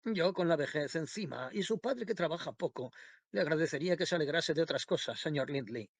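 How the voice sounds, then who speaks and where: A man's voice: a little high, lively intonation, fairly quick, creaky, breathy edge, no room sound, pitched above the performer's own voice, heavily acted. A man voicing a biting, petulant old working-class woman in an audiobook reading. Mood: sharp. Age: older. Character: sharp-tongued older woman, a poor parishioner.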